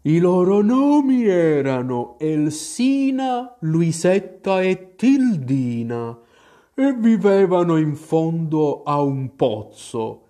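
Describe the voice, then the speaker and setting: A man voicing a sleepy, grumpy male dormouse in a storybook reading, with a faint, hoarse, drawn-out voice. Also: a little high, very animated, warm tone, pitched above the performer's own voice. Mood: drowsy. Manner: drawn-out, drowsy speech.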